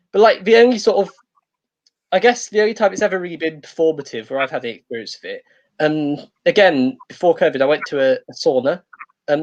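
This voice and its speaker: A man doing a stand-up comedy set, hesitant and rambling, with many pauses and restarts. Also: high-pitched, highs cut off.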